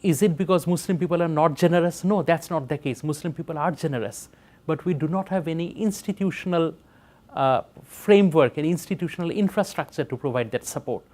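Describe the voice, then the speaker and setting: A middle-aged man from Bangladesh, a professor speaking in an interview in an earnest, measured way with frequent pauses and fillers. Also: fairly high pitch, darkish tone. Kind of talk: reflective interview talk.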